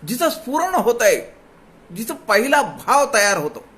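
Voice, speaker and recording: A man with a Marathi accent giving a devotional discourse, drawing out quoted verses slowly. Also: very high-pitched, big pitch swings, a bit bright. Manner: slows to draw out quoted verses. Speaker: spiritual discourse speaker. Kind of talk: devotional discourse explaining scripture.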